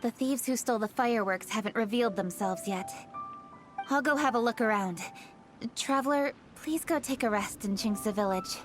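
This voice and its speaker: A woman voices a poised, dutiful young female official in an English-language video game, speaking formally, with self-assurance, firmly and with determination. Her voice is fairly high and close to an everyday voice, at normal speed. Background music plays.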